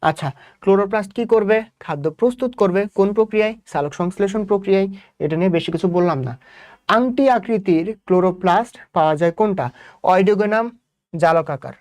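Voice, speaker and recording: Clean studio audio without any room sound captures a young Bangladeshi man's high, darkish voice and Bengali accent. He's tutoring biology for an exam, going back over points repeatedly and checking students with rhetorical questions.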